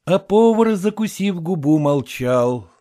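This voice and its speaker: A man reads a classic story aloud in an expressive, dramatic way. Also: sits high, takes it slowly. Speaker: narrator. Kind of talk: literary audiobook reading.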